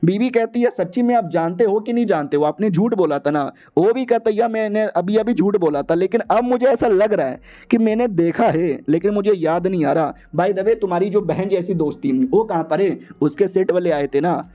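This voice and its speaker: A man's voice: high voice, moderate pace, warm tone. A young man casually retelling a comic story, playful and slangy, switching his voice for each character. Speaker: manhua recap narrator. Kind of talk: casual storytelling recap, voicing all characters.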